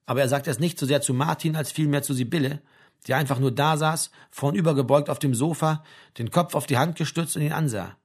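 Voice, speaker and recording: A man narrating a novel as an audiobook in an expressive, dry manner. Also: a little high, a little fast, slightly rough. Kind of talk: scripted narration.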